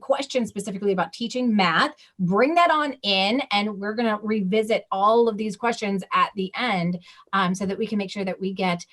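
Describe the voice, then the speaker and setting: A woman's voice: medium pitch, normal speed, fairly bright tone. A woman hosting a casual panel, speaking informally and encouragingly. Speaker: host, moderator.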